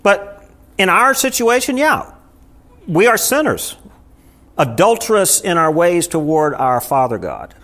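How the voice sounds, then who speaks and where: A man's voice: sits high, very animated, unhurried, a bit bright. A man, a pastor, teaching a small Bible study group in a church room, keeps asking the room questions. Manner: asks the room frequent rhetorical questions. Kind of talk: conversational sermon.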